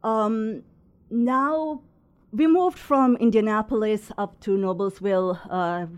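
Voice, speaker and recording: A woman's voice: on the high side, takes it slowly, clear, resonant tone. A woman from Sri Lanka in her thirties, talking about her craft business as a guest, with many fillers and small laughs. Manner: chatty, many fillers, laughs between phrases. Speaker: guest, resin artist and small business owner. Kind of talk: casual interview conversation.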